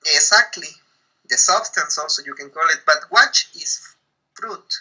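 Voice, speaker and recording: A man whose first language is K'iche' speaks as an interview guest and explains ideas slowly, pausing to find his English words. His voice is high and very bright. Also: rough recording. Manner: slow, searching for English words, patient explaining. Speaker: Maya spiritual guide, guest. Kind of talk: teaching interview over a call.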